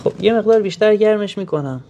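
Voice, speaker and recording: A woman's voice: mid-range voice, lively intonation, mellow, lo-fi sound, slight background noise. A woman walks through a practical repair tutorial one step at a time. She speaks plainly, stopping now and then to think aloud mid-sentence. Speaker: technician demonstrating sensor tests. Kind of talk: hands-on technical tutorial.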